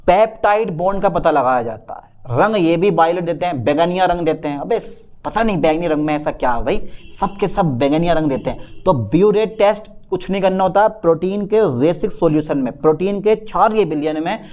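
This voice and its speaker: A man with a high-pitched voice teaches chemistry in a relaxed, conversational way. He answers his own imagined student questions and keeps the lesson moving. The recording sounds a little muffled and lo-fi. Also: brisk, hardly any pauses. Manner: lively, plays both teacher and student in a back-and-forth. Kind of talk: casual Hindi classroom lecture.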